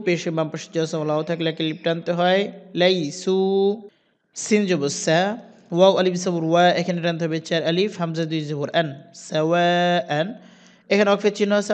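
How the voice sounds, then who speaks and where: A man teaching Quran recitation, spelling out letters and vowel marks one by one and then chanting the verses slowly. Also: high-pitched. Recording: dull lo-fi sound.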